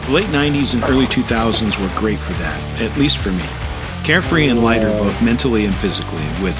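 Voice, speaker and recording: A man's voice: medium pitch, animated, fast. A middle-aged American man giving a reflective, scripted narration of his own story. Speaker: motovlog narrator. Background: guitar music.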